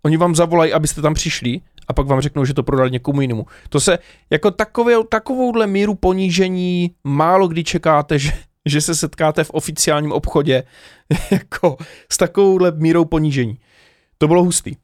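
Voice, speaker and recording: A man telling a personal story in a casual, animated way, with many hesitations and direct asides to the viewers. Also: a little high, no room sound, studio quality.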